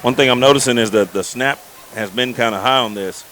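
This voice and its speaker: A man's voice: medium pitch, a little fast, a bit bright, a little hiss or hum. A man giving live football analysis as a colour commentator, in a folksy, explanatory way.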